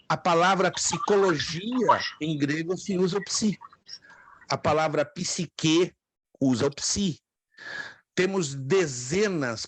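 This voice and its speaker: A man's voice: on the high side, no echo. A man from Brazil teaching a class on biblical Greek, patiently repeating words and asking students questions. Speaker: theology teacher. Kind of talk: classroom lecture.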